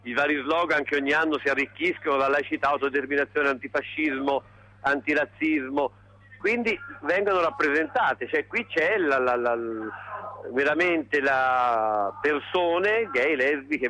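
A man's voice: a little high, a little slow, bright, forceful tone, slight background noise. A young man heard over the phone, reporting live into a radio show from a street march, earnest, with restarts and long lists.

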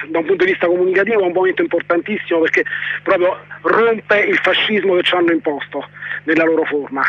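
A hoarse man argues with passion from a street protest. His voice sits fairly high and comes through a dull, lo-fi radio line. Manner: forceful, impassioned. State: hoarse from shouting. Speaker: activist at a protest march. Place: outdoors at a street march.

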